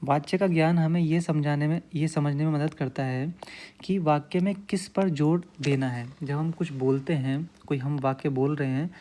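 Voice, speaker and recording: Male tutor, grammar lesson; mellow, relaxed timbre, patient and repetitive, checks in often with listeners. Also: on the high side, moderate pace, a little hiss or hum. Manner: frequent check-in phrases. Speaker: teacher.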